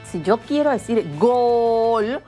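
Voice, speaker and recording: A middle-aged schoolteacher, explaining grammar in a remote class and acting out example phrases in different tones. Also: female voice, medium pitch, moderate pace, soft background music. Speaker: school teacher.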